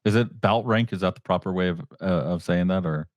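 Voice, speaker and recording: Low-voiced male host, dry close sound, easygoing interviewer. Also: brisk, dry recording. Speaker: podcast host. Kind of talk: casual chat.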